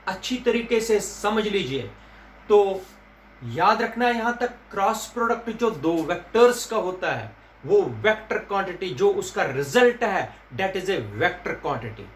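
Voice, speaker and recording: A man gives a classroom physics lecture. He repeats each key term patiently and talks in a high, slow voice. The recording is roomy, with faint ambient noise behind him. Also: lively intonation, a bit bright. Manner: repeats key terms slowly, calls students "beta". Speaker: physics teacher. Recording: echoey room with faint ambience.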